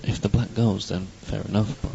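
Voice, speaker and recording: A man's voice: lowish voice, flat delivery, fairly quick, vocal fry. Chatty man commentating pool. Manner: chatty, wry asides to viewers. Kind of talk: live sports commentary. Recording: dull lo-fi stream audio with noise.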